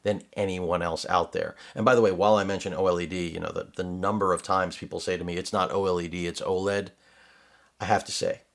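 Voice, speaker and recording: A man's voice: low-pitched, steady tone, quick pace, vocal fry, few pauses, a bit bright. A middle-aged man reviewing a laptop in his home studio, talking casually and wandering off on sarcastic tangents. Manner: rambling, digressive, sarcastic asides. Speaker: tech reviewer. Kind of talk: casual unboxing commentary.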